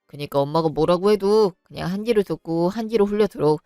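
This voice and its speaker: A woman voicing a weary young husband in a storybook drama, talking in a lowered, pleading tone. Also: a little fast, warm tone, no echo, studio quality, faint music behind, close to an everyday voice. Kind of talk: storybook voice acting.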